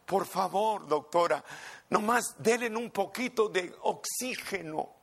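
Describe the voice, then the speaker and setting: A preacher playing a desperate pleading pastor. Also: male voice, sits high, slow, gravelly, a bit bright, slightly rough, voice pushed up, exaggerated voice. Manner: pleading, insistent.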